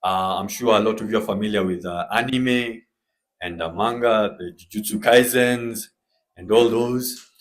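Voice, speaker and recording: A man with a Kenyan accent, a comic artist guest who chats in a relaxed way on a panel. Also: fairly low pitch, normal speed. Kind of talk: panel discussion.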